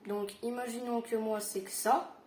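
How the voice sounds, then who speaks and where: A tired woman giving a casual Minecraft building tutorial, halting with fillers and self-corrections. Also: on the high side, level tone, darkish tone, roomy sound, a little hiss or hum.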